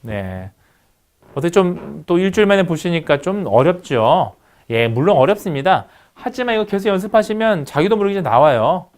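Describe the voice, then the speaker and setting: Guy lecturing phonetics, pitch jumps all over, quizzes the class then answers himself. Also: sing-song, moderate pace, a little mellow. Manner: instructive, poses questions to students then answers them. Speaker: university lecturer.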